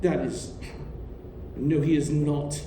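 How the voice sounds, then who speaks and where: A man's voice: a little high, fairly even intonation, takes it slowly. A man playing a formal, controlling doctor and guardian in a stage play, genteel and authoritative. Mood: grave, urgent. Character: genteel, controlling doctor, uncle to orphan girl. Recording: distant, roomy stage recording, faint noise.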